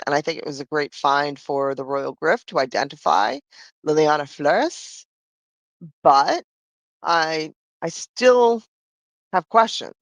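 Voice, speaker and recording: A woman chats her way through a live stream in a rambling, lively voice that rises and falls a lot. She is losing her voice. The sound is dry and close to the mic. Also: low-pitched, no room sound. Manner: chatty, rambling, frequent "I mean" and "right?". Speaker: livestream host. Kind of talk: casual live-stream chat.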